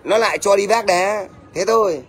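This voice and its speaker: A man's voice: high-pitched, normal speed, some chatter behind. A middle-aged man with a Northern Vietnamese accent, ranting at a commenter on a livestream in a blunt, scolding way and often asking "thấy chưa?". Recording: faint background noise.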